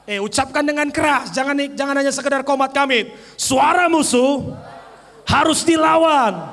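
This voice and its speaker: A male pastor preaching an energetic sermon, swinging between shouted declarations and soft mimicking asides. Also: extremely high pitch. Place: church sanctuary. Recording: church hall with long reverb.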